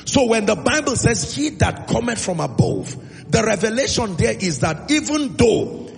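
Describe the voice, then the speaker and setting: In a reverberant hall with music playing, a Nigerian preacher delivers his sermon emphatically. His voice is high, gravelly and sing-song, and he draws out key phrases while calling to the congregation for response.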